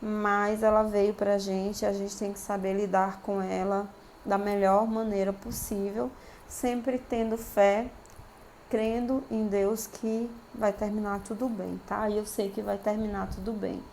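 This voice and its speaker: A woman's voice: medium pitch, flat delivery, a little slow, a little mellow, slight background noise. A woman with a Brazilian Portuguese accent, a university lecturer recording a video for her students. Her voice is worn by a cold, and she speaks in an encouraging way, often checking in with her listeners. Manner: encouraging, keeps checking in with "tá bom?".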